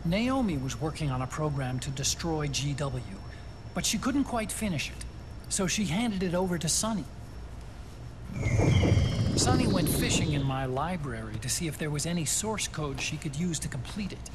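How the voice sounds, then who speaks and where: An actor playing an earnest, thoughtful technical expert in a video game, explaining things in a scripted briefing. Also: male voice, on the high side, animated, normal speed, noisy background, lightly acted. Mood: reflective, explanatory.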